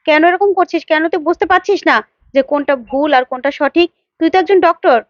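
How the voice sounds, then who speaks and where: A woman's voice: sits high, quick pace, no room sound, highs cut off, voice pushed up, natural voice. A woman voicing an angry young man who rebukes a family member.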